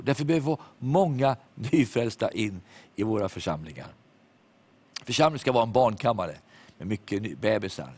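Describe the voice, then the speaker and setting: Man, preacher, sermon storytelling, voices quoted lines, drops to hushed tones. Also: fairly low pitch.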